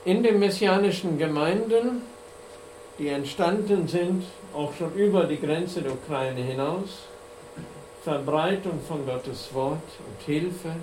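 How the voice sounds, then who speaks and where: A man delivers a sermon with slides, his voice sitting a touch high for a man and moving at an unhurried, deliberate pace. He tells his stories in a slow, earnest way. The sound bounces around an echoey hall, with a faint hum underneath. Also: a little mellow. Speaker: preacher.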